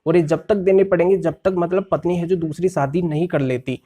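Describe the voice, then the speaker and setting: Mellow-voiced male lawyer explaining. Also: fairly high pitch, steady tone, a little fast. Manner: explains step by step, rephrasing terms in plain words. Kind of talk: legal explainer video.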